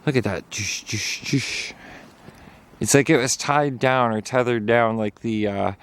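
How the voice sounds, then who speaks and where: A man's voice: mid-range voice, moderate pace, clean tone. A man narrating a casual hiking vlog outdoors on a snowy trail, chatty and at times out of breath. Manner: chatty, talking while hiking, sometimes out of breath. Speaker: vlogger.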